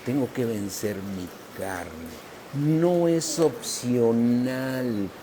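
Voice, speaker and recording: A man's voice: mid-range voice, animated, dark tone, slight background noise. A man preaching a sermon as pastor, emphatic and often asking "¿sí?" of the congregation. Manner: slow, emphatic preaching with frequent "¿sí?" checks.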